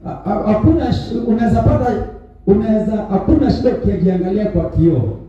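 A man interpreting a sermon live, restarting words as he goes. His voice is soft and dark, a little high for a man. It echoes around the hall from off-mic. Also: animated. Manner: quick restarts while translating. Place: church hall. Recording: echoey hall, distant and dull.

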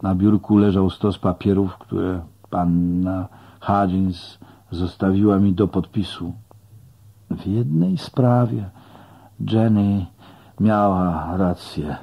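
A man reading an audiobook aloud in a slow, plain first-person storytelling manner. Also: deep voice, vocal fry, dark tone, slightly rough. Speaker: audiobook narrator. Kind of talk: audiobook narration.

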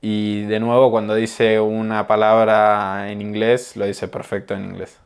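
A man, calmly explaining usage over video clips. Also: fairly low pitch, a little slow, clear, resonant tone. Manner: calm, explanatory, amused. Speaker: Spanish teacher.

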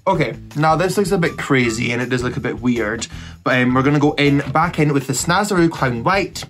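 A man's voice: mid-range voice, expressive, fairly quick, a bit bright. A young man with a camp, gossipy, slangy manner, chatting through a makeup tutorial as a drag queen. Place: small indoor setup before a cloth backdrop. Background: background music.

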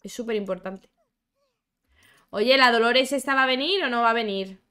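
A young woman with a somewhat high voice, chatting her way through a life-sim game. She exclaims a lot, talks back to her characters and reads out chat from her viewers in a loose, playful commentary. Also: normal speed, pushed and bright, smooth. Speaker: gaming YouTuber. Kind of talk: casual gameplay commentary.

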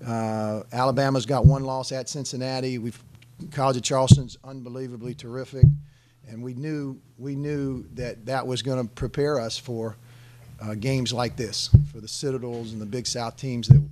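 At a table in a press room, a middle-aged head basketball coach fields questions through a desk microphone on a stand. His medium-pitched voice is a little mellow, and he responds with emphasis, often starting over and repeating his words.

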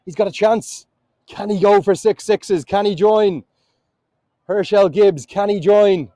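A man calling a cricket match live from the commentary box, building to excited shouts at the big moments. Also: high voice, dry recording, rough recording.

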